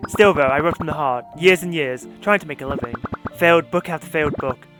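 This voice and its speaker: A man reading game dialogue as a smug female CEO villain, slow, theatrical and condescending in a menacing monologue. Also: on the high side, music in the background, close to an everyday voice. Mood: theatrical, reflective.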